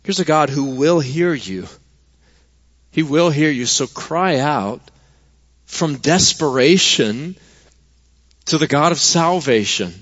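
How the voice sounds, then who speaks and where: A man's voice: on the high side, expressive, takes it slowly, pauses often, a bit bright. A man preaching a sermon to a congregation in a conversational way that builds to emphatic stretches. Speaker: pastor. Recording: dull sound with long hall reverb.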